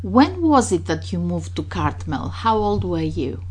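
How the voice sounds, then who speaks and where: Woman interviewer, polite, measured questions, formal. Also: lowish voice, sing-song, a little mellow, breathy edge. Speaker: oral history interviewer.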